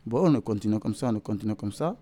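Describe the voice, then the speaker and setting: A man's voice: on the low side, animated, fast talker, mellow. A man telling his own story as a worker, animatedly re-enacting past arguments and often repeating himself. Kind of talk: personal testimony.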